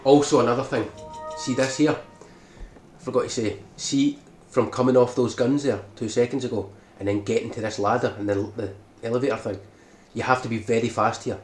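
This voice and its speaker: A man talking through a speedrun tutorial in a mid-range voice, explaining each step and checking in with "right?". The sound is roomy and echoey, with a steady hiss of noise underneath. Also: mid-range voice, normal speed. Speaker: speedrun guide maker. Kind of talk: game tutorial commentary. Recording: echoey room with background noise.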